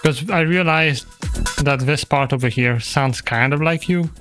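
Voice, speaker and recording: Slow-paced playful man streamer, higher voice. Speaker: music producer and variety streamer. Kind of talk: casual livestream chat. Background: music playing.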